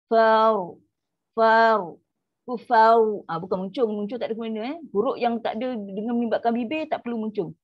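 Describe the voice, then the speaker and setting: Malaysian woman tajwid teacher, higher pitch, firm and repetitive, slightly muffled audio. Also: husky. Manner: explains firmly, repeats sample sounds, chanting recitation examples. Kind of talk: online Quran recitation class.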